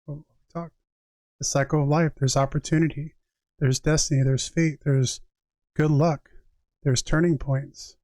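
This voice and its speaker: Speaking at a measured pace with little pitch movement, this man has a moderately high, darkish voice. He is a tarot reader and live streamer, shifting from reading passages aloud to casual, reflective remarks directed straight at his audience. The recording is dry, with no room sound.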